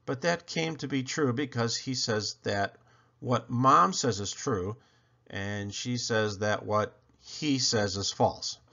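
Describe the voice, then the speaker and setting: This man narrates a children's picture book slowly, his mid-range voice creaky as he uses a playful, swooping, dramatically emphatic storyteller style. The audio comes across as dull.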